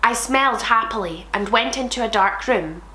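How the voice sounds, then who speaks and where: A woman's voice: a little high, moderate pace, pushed and bright, echoey room, a little hiss or hum. A woman reading bad fanfiction aloud for comedy, sarcastic asides, laughing and swearing at the text.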